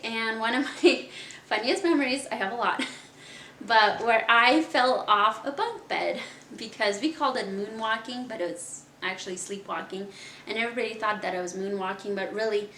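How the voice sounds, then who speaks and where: A woman's voice: medium pitch, moderate pace, sharp tone, slight background noise. A young woman from Kazakhstan hosting her own podcast, telling her life story in a chatty, candid way and laughing often. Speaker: podcast host. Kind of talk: casual personal storytelling. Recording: echoey room.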